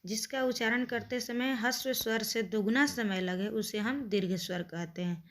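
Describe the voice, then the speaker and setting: A woman teaching young children in an online lesson, patiently spelling out letters one by one. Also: fairly high pitch. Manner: slow, patient, recites letters aloud one by one.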